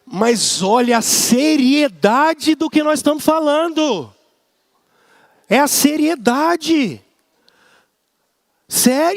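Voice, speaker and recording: A man's voice: very high voice, no echo, clean studio sound. A man with a Brazilian accent preaching a sermon as pastor, emphatic and repetitive, often mimicking grumbling people. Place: church service.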